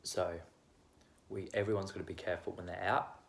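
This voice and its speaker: A young man talks straight to his own camera at home, sharing his views in a loose, wandering monologue. His voice sits a little low, and he is quick to poke fun at himself. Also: fairly even intonation, creaky. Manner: rambling, self-deprecating, candid. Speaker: vlogger. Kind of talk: casual opinion monologue.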